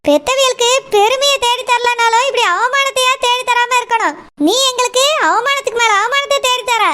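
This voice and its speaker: A woman's voice: very high voice, moderate pace, bright, forceful tone, slight background noise. A woman voicing an angry middle-aged mother in a cartoon, ranting and scolding harshly. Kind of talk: cartoon voice acting.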